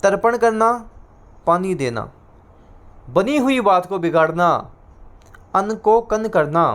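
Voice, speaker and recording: A man with a Rajasthani Hindi accent teaches an exam-prep class in a fairly high voice. He says each answer more than once and slows down to dictate the terms. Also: expressive, fairly bright tone.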